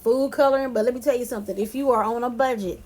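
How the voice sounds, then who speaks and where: Her voice a little high and racing, a California woman chats her way through a loose cooking tutorial. The cooking vlogger addresses her viewers as "y'all" and "you guys."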